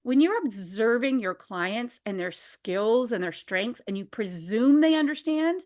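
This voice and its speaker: A woman in her forties hosting a casual conversation about behavior analysis, animated and quick to laugh. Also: on the high side. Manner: animated, laughs often, acts out quotes.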